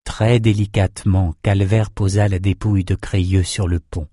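A man narrating a fantasy novel in a measured, steady reading voice. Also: low-pitched, no echo, clean studio sound. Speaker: audiobook narrator.

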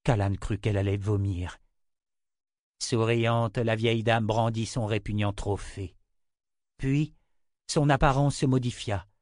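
A man narrating a dark fantasy audiobook in a steady, measured way. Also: on the low side, dry recording, studio quality.

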